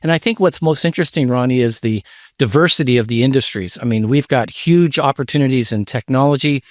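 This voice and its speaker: A man's voice: medium pitch, brisk, dry recording, studio quality. A middle-aged man, a nonprofit CEO, answering interview questions in a businesslike way, listing facts and figures. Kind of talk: conversational interview. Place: studio in Washington, DC.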